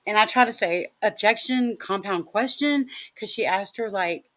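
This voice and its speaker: A woman's voice: mid-range voice, moderate pace, fairly bright tone. A woman hosting a commentary channel, chatting casually about a court video in a blunt, profane way.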